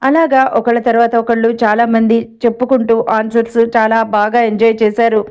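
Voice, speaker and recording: A woman narrating a romantic college story in a plain, steady storytelling manner. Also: on the high side, normal speed, smooth. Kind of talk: read-aloud story narration.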